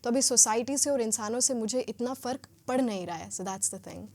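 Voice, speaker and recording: A woman, her voice sitting a little higher than most. She speaks as a podcast guest, measured and self-assured, and mixes two languages fluidly. She reflects calmly as she explains her outlook. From Haryana, India. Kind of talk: podcast interview.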